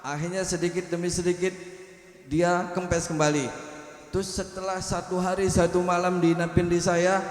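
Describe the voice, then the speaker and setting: High-voiced preacher in an echoey hall. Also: male voice. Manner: animated, acts out quoted exchanges. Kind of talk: sermon storytelling. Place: live religious gathering.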